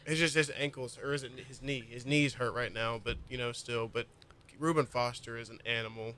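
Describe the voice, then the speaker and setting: A man joins a sports podcast discussion, offhand and quick as he weighs up the players. His voice sits at an ordinary middle pitch. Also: fairly even intonation, bright, forceful tone, clear, resonant tone. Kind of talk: casual sports podcast chat.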